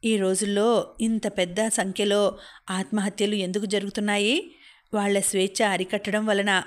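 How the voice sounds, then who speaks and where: A woman reading the part of a calm middle-aged man who gently reasons with his angry friend in an audio novel. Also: sits high, normal speed, lightly acted. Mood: persuasive.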